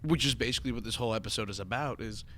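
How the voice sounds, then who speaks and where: A man hosts a casual podcast discussion, speaking emphatically and asking lots of questions. His mid-range voice is pushed and bright and very fast, and there is noticeable background room noise.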